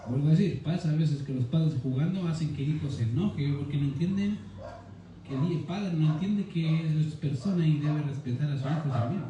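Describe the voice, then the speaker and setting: A young man preaches a teaching sermon, often checking that his listeners follow. His voice is dark and mellow but sits a little high, and it comes from some way off the mic in a very echoey room with faint noise. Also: normal speed, far from the mic. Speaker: pastor.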